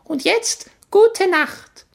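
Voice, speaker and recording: A man's voice: very high voice, extremely slow, vocal fry, voice pushed up, full character voice. A man voicing a smug, overly polite talking baby who knows it all, in a storybook reading. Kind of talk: storybook narration.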